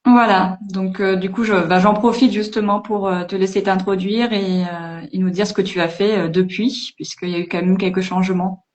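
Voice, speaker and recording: A woman hosting a casual live interview over a video call, chatty and relaxed, with fillers. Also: medium pitch, moderate pace, hardly any pauses. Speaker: host.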